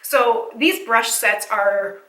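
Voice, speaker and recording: A woman giving a casual, analytical video essay commentary, chatty with many fillers, her voice slightly hoarse and cracking. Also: a little high, takes it slowly, bright, forceful tone, roomy sound, far from the mic, poor audio.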